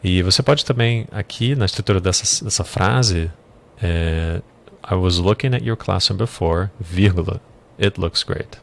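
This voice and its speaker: A man's voice: low-pitched, measured pace, gravelly. A man teaching English vocabulary in a casual lesson, thinking aloud and correcting himself as he goes. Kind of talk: casual screen-share lesson.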